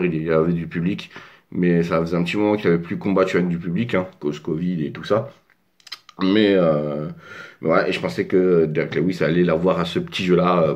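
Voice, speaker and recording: Deep-voiced french guy chatting about a fight from his desk, lots of euh and restarts. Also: darkish tone, dull audio. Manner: rambling, many fillers and restarts. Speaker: MMA fight commentator. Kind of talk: casual solo fight breakdown. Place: home desk.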